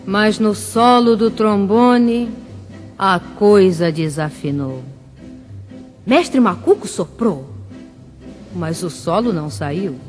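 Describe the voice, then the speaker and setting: A woman reading a rhymed children's story for radio in a slow, sing-song way. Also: medium pitch, animated, darkish tone, big-room sound, faint music behind.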